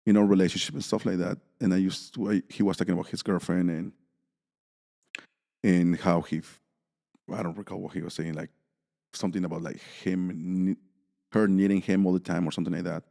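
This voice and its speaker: Deep mellow guy hosting a podcast, trips over words, echoey room. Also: steady tone, vocal fry. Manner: halting, restarts, many fillers. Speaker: podcast host. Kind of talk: casual chat.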